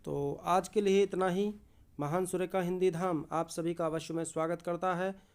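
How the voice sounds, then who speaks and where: A man's voice: high voice, fairly even intonation, normal speed, darkish tone, clean tone. A man teaching a lesson, reading a story aloud and explaining it, often repeating key words as questions for the students. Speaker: Hindi teacher.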